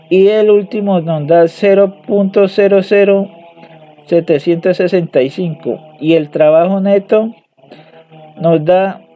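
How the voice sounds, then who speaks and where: Halting young man reading calculations. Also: high-pitched, warm tone. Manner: hesitant, halting, repeats words and restarts. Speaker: student presenting homework. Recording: dry tinny phone-like audio.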